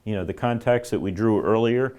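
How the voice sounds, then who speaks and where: A man's voice: lowish voice, a little fast, a little mellow. A man giving an informal, rambling classroom lecture on telephone systems, with many fillers and restarts. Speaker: telecom instructor.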